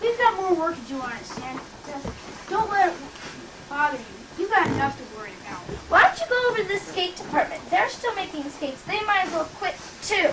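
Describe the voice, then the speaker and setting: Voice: very high voice, sing-song, roomy sound. A young performer playing a bossy, practical elf helper in an amateur Christmas stage play, recorded on noisy tape from far off. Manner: bossy, hurried.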